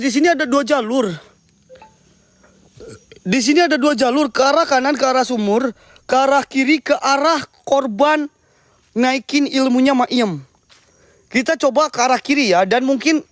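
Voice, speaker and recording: A very high-voiced man hosts a night exploration vlog. He is nervous and jumpy, often repeating himself to his viewers. The sound is close and dry, recorded outdoors. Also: dry recording. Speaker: host of a ghost-hunting vlog. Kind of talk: excited live night exploration commentary. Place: outdoors at night in a rural area.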